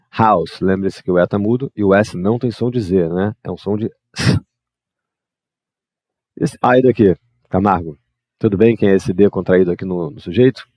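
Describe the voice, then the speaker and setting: Low-voiced Brazilian man teaching English grammar. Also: no echo. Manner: lively, switches between explaining and slow model sentences. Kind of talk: explaining English grammar exercises. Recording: dry, dull lo-fi mic.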